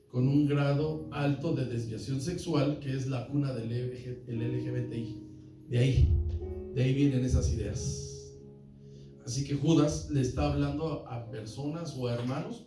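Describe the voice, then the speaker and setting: A man pastor preaching a sermon, often calling listeners brother and asking the congregation questions. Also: medium pitch. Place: church hall. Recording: echoey church hall, from far off.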